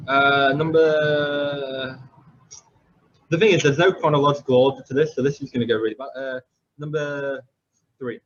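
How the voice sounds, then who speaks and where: A man in his 20s with a husky, mid-range voice talks fast on a slightly muffled recording. He is a football coach hosting a casual, chatty podcast, rambling through stories with many fillers and restarts.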